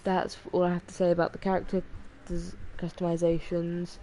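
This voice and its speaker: Young-sounding woman streamer, low and mellow voice, tired monotone commentary, faint noise behind. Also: brisk. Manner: monotone, rambling with restarts and apologies. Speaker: gaming streamer. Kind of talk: casual gameplay commentary.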